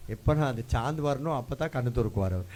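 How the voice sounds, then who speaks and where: A man's voice: mid-range voice, lively intonation, fast, darkish tone. A man preaching a sermon, dropping English phrases into his talk and calling out for responses from the congregation. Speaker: pastor. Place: church hall.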